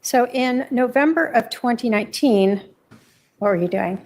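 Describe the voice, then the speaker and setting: A woman's voice: fairly high pitch, moderate pace, darkish tone. A woman prosecutor putting questions to witnesses in court. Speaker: prosecuting attorney. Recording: faint background noise.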